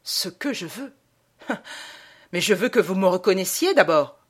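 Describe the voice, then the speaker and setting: Mocking young tramp guy, jeering and insolent, pitched up high, woman puts him on. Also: sing-song, a little slow. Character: sneering young male vagabond, menacing, insolent.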